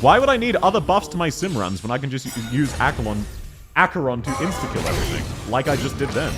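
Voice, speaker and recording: A man's voice: medium pitch, big pitch swings, quick pace. A man chatting casually on a gaming livestream, answering viewers as he plays in a chatty, giggly way. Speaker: livestreamer playing a game. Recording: game music behind the voice. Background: video game music.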